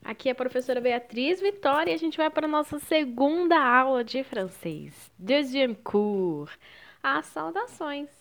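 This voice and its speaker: A young woman from Brazil, with a Brazilian Portuguese accent, gives a French lesson. Her voice sits a little high, and she explains patiently while mixing in French phrases. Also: lively intonation, measured pace, fairly bright tone. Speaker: French teacher. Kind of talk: online language lesson.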